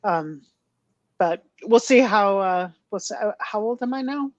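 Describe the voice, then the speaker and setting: A woman in her fifties co-hosting a podcast in casual chat, chatty, laughing often and filling pauses with ums. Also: medium pitch, expressive, no room sound, dull audio. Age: 50s. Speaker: podcast co-host.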